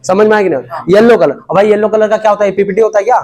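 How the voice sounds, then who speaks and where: A man's voice: sits high, very fast, crowd noise. A man teaching a chemistry class to students, casual and joking, constantly asking whether they understood.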